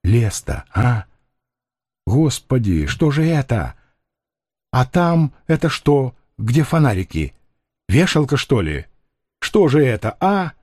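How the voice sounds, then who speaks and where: Give me a man playing a wild, pleading condemned robber in an audiobook, rough and lively. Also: medium pitch, slow pace, pauses often, no room sound, studio quality. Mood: frantic. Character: frantic doomed male robber facing the gallows.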